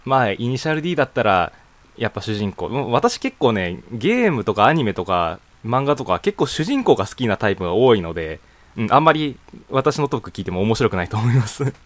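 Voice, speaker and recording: This young adult, still in his student years, chats solo on his own net radio show from a home room, working through a voice questionnaire. In a dry recording, his mid-range voice swings widely in pitch at a fairly quick pace, loose and rambling with frequent chuckles and casual fillers.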